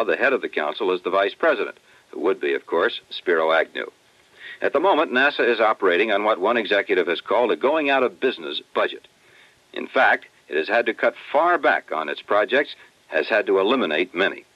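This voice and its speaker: A man with a fairly low voice reads a scripted news report in a formal, measured way. His voice comes through a dense, dull old radio broadcast with a narrow, lo-fi sound. The room is dry, with no echo. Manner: formal, measured newsreader delivery. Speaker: news correspondent.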